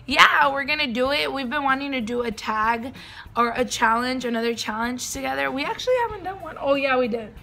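A woman's voice: high voice, fairly quick, creaky, bright, forceful tone, soft background music. A young woman vlogger chatting casually and animatedly to the camera as host. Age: young adult. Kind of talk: casual vlog chat to camera.

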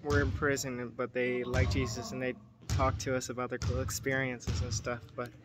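A man's voice: mid-range voice, moderate pace, music in the background. A young man filming himself on a phone for a missionary vlog, chatting casually and joking as he goes. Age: young adult. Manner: excitable, joking, self-mocking. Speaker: missionary vlogger. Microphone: phone held at arm's length.

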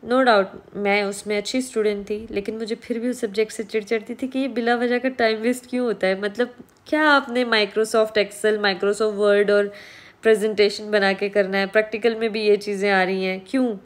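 This young woman's mid-range voice stays fairly even at a moderate pace. Filmed close up on a phone in a small indoor room at home, her casual talking-head vlog covers what she has learned running a restaurant, with English words mixed in.

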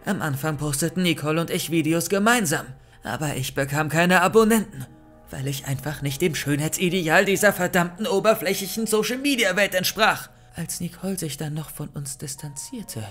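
Guy reading a smug evil young woman, taunting, higher voice, bit of music behind. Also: a bit bright, natural voice. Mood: bitter. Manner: mocking, gloating. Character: scheming young woman villain, cold and taunting.

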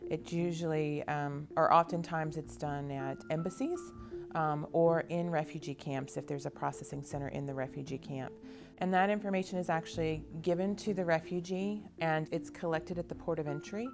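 Woman, very low pitch, explanatory with fillers, music clear under. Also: fairly even intonation, normal speed. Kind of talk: interview.

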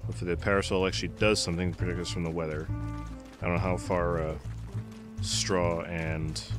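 Speaking a little fast in a flat, low voice, a man gives casual let's-play remarks and mutters under his breath. A cold leaves him slightly congested, and loud background music runs throughout.

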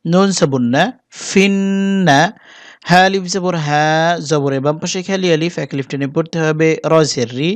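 Bangladeshi guy teaching quran letter by letter, slow and patient, smooth clean voice, dry close mic. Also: a little high, no room sound. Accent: Bangladeshi Bengali. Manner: slow, deliberate letter-by-letter spelling with melodic Arabic recitation. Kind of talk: spelling-out Quran recitation lesson.

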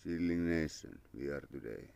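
A young Finnish man's extremely low voice carries vocal fry yet sounds clear and resonant, a little mellow, expressive, and at normal speed. He's chatting casually on a live stream from his yard under a parasol, thanking followers and muttering to himself in a Finnish accent. A phone camera at arm's length records him.

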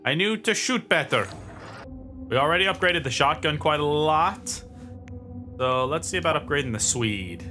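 A man with a bright, forward voice talks through a game session in a loose, chatty way, thinking aloud and swearing casually. Faint game music plays under his voice. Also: fairly high pitch, expressive, normal speed. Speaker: gameplay commentator. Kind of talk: casual let's-play commentary. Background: game sounds and music.

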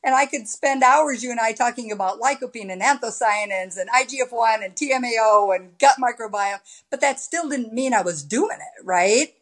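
This woman in her sixties speaks in a slightly high voice and tells her story with lots of animation, gesturing as she talks. She is a podcast guest on a video call, recorded through a laptop webcam in a high-ceilinged room at home. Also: normal speed, few pauses. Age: 60s. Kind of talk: casual interview chat.

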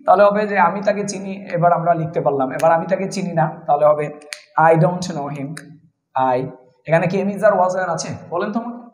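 High-voiced man teaching English in Bengali. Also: reverberant, rough recording. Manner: explains step by step, spells words letter by letter. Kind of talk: spoken English lesson.

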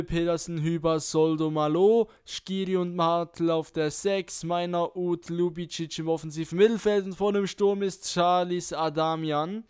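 A man's voice: high-pitched, a little mellow, clear, resonant tone. A man giving play-by-play commentary on his own football video game, calling out player names as he goes. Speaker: gaming YouTuber playing and commentating his career mode.

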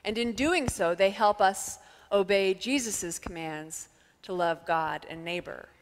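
A woman in her thirties, a pastor, giving a calm, measured sermon with thoughtful pauses through a headset mic in a church sanctuary. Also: medium pitch. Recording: long reverb of a church sanctuary.

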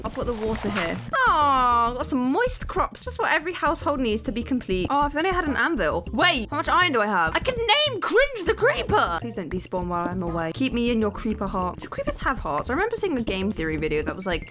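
A young woman giving excitable, giggly commentary while playing a game, squealing at surprises. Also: high-pitched. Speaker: gaming YouTuber. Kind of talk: Minecraft let's play commentary. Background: game music.

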